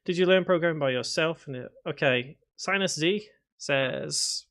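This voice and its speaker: Speaking at normal speed in a slightly high, fairly bright voice, a game development streamer from Liverpool, England, chats casually on his live stream. He's in his thirties with a Scouse accent, and he reads viewer comments aloud and replies, restarting and using fillers.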